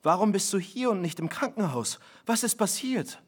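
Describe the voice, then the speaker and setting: A woman's voice: medium pitch, expressive, moderate pace, voice pushed up, natural voice. A man reading the part of a shocked, anxious mother who fires off urgent, disbelieving questions in a raised voice. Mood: alarmed, disbelieving. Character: shocked anxious mother, middle-aged woman.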